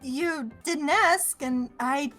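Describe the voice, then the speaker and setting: A friendly, matter-of-fact shop woman, played by a woman speaks in a high voice. It is game fan-dub dialogue with music behind it. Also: extremely slow, fairly bright tone, full character voice. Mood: casual, helpful.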